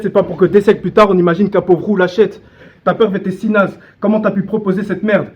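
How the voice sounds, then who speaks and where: A man's voice: high-pitched, a little mellow, highs cut off. A man delivering declamatory, mocking a cappella battle rap. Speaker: battle rapper. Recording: clearly noisy live recording.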